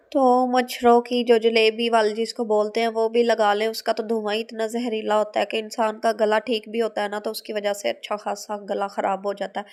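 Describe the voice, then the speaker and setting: A woman in her thirties, a housewife and vlogger with a Pakistani Urdu accent, narrates a casual vlog about her day. Her voice is on the high side, and her talk is homely and rambling.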